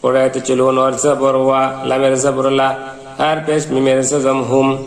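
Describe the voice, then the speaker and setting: Slow, echoey male Quran teacher. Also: medium pitch, completely flat delivery. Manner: spells syllables then chants verses melodically. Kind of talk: slow spelled-out recitation lesson. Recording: echoey hall reverb.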